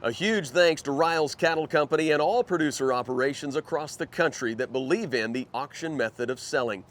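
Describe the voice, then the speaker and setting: A man's voice: a little high, fairly quick, fairly bright tone, soft background music. A man presenting a broadcast show as its host, reading scripted links.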